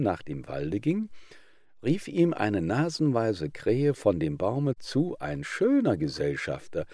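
Male audiobook narrator for fables, slow, expressive, dry close sound. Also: lowish voice, slightly rough, no room sound. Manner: measured, expressive reading. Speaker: audiobook reader.

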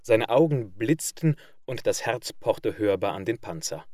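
A man narrating a fairy tale in a measured, even literary reading, close to the mic. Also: fairly low pitch. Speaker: audiobook narrator.

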